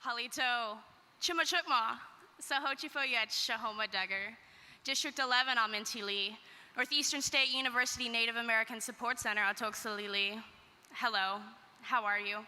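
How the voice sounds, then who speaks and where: A woman pageant contestant introducing herself formally and in measured tones. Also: fairly high pitch, pushed and bright, smooth. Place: event hall stage. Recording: reverberant hall.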